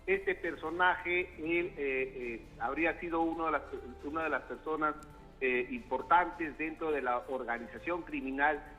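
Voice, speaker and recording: A man from Peru, a congressman, speaking formally over a remote line in a news interview, often pausing with fillers and restarting phrases. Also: a little high, muffled recording, soft background music.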